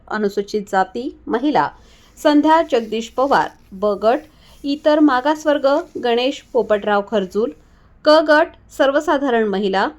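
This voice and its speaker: Woman reading a formal news voice-over. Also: a little high. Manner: steady formal reading, quick through name lists. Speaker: news reporter.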